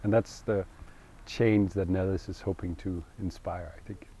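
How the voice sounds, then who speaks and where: A middle-aged man, speaking in English, talking earnestly and thoughtfully in an interview and pausing to find his words. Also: sits low, fairly even intonation, dark tone, slight background noise. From Denmark. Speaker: co-founder interviewee. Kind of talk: reflective interview talk.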